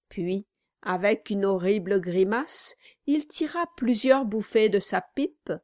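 A woman narrating a classic novel as an audiobook, in slow, measured storytelling. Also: mid-range voice, a little mellow, dry recording, clean studio sound. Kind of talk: scripted narration.

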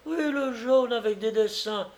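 A man's voice: very high-pitched, unhurried, voice pushed up. A man voicing a simple young country woman, offhand and plain-spoken. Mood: calling. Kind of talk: audiobook reading.

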